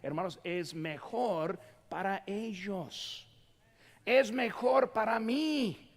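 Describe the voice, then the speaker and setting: A man's voice: sits high, extremely slow, in a large hall. A middle-aged man preaching a sermon as pastor, emphatic and often speaking straight to the congregation. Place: church sanctuary.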